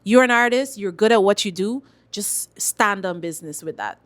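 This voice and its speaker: A woman's voice: mid-range voice, expressive, moderate pace. A woman with a Guyanese accent speaking casually as a singer being interviewed, emphatic and repeating phrases for stress. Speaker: singer-songwriter, interview guest.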